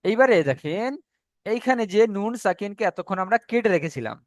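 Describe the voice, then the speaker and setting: In this online tajweed lesson, a man with a fairly high, animated voice teaches Quran recitation one rule at a time. He stretches the recited words out slowly so listeners can copy them. The recording is close and dry, with no room echo.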